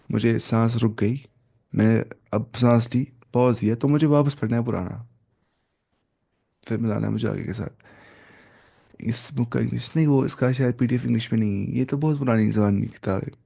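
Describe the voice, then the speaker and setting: Gravelly-voiced man teaching a recitation lesson. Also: mid-range voice, warm tone. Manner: repeats points, mixes in English words. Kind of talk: explanatory lesson.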